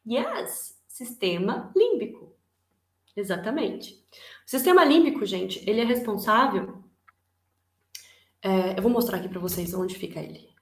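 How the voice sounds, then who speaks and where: A woman with a Brazilian Portuguese accent teaching an online class in a lively spoken lecture, often putting rhetorical questions to her students. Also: medium pitch, measured pace, long pauses. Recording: echoey room.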